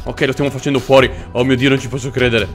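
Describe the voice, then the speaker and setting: A man giving live gameplay commentary, excitable, panicking out loud and speaking with mock politeness to enemies. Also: medium pitch, fast, soft background music. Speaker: let's play gamer.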